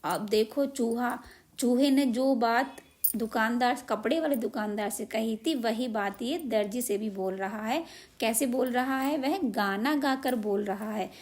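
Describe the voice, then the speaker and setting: A woman's voice: on the high side, a little slow, a little mellow. A woman teacher retelling a children's story, asking simple questions and answering them herself. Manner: asks and answers own questions, repeats simply. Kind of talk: explaining a children's story lesson.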